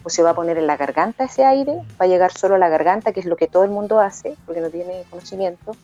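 A woman's voice: on the low side, fast, dark tone. A woman music and singing teacher explaining voice technique on a phone call, in an explanatory manner that stops to sing short demonstration lines. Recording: muffled phone line with faint music.

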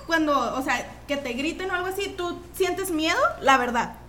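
Insistent woman, bright and high. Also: expressive, normal speed, a little hiss or hum. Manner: presses with insistent questions. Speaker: podcast co-host. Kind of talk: casual podcast debate. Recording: echoey room.

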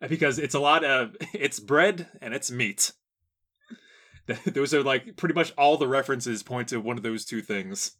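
A laid-back male podcast co-host with a bright, tense edge to his voice. He chats casually, laughs often and fills pauses with hesitant ums and uhs. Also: medium pitch. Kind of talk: casual comedic chat.

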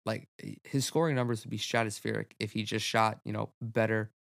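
A man's voice: on the low side, flat delivery, fairly quick, vocal fry, fairly bright tone, no room sound. Casual rambling man on a dry mic. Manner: rambling, loose, swears freely, lots of "like" and "um". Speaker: podcast host. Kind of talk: casual solo sports podcast.

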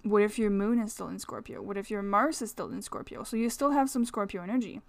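A woman's voice: medium pitch, fast, gravelly, no room sound. A woman with a French accent hosting a casual solo podcast, talking in a rambling, chatty way full of fillers. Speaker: astrology podcast host.

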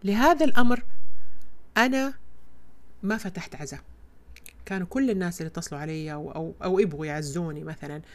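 A woman hosting a podcast, telling a personal story in an expressive, emphatic way. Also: fairly low pitch, fast talker, pauses often. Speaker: podcast host. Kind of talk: personal reflective podcast talk.

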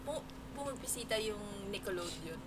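A woman's voice: mid-range voice, animated, moderate pace. A woman hosting a casual podcast chat, talkative and laughing, mixing English phrases into her speech. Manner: chatty, laughing, mixes English into her talk. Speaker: podcast host. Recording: loud crowd chatter behind.

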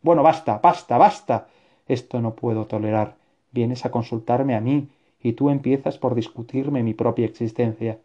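A man's voice: mid-range voice, fairly even intonation, normal speed, warm tone, natural voice. A man voicing an irritable, proud middle-aged author who bursts out in exasperation, read as an audiobook. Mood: exasperated. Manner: exasperated, raised outbursts. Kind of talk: audiobook reading. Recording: dull lo-fi recording.

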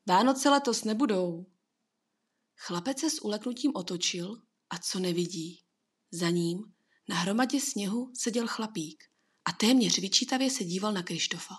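A woman reads a children's storybook aloud in a soft, hushed way, her voice airy and breathy. The pitch sits in the middle, and the telling stays calm and unhurried. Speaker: narrator. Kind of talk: storybook narration.

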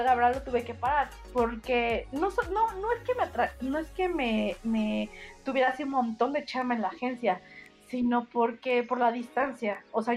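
A young woman in her twenties with a Mexico City accent, telling a story in casual, slangy chat and acting out the quotes. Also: a little high.

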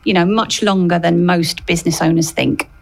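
A woman's voice: on the low side, fairly even intonation, moderate pace, vocal fry, darkish tone, faint music behind. A woman speaking as a guest expert, explaining conversationally with some hesitation and repeated phrases for emphasis.

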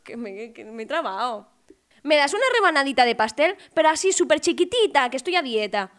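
A woman rattles off one-liners. Her voice sits high, and she stays deadpan as she plays both voices of every gag. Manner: quick deadpan one-liners, acting out both sides of each joke. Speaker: joke teller. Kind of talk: rapid-fire joke telling.

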